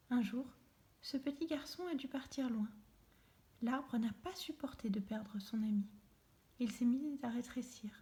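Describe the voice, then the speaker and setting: A woman reading a children's story aloud, soft and often near a whisper. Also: high-pitched.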